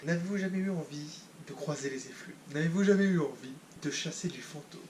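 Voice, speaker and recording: This is a young man in his twenties from France, hosting a casual vlog about his own artwork. He talks in a fairly high voice with a chatty, self-mocking manner. A faint noise sits behind him. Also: brisk, a little mellow. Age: 20s. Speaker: artist and video host.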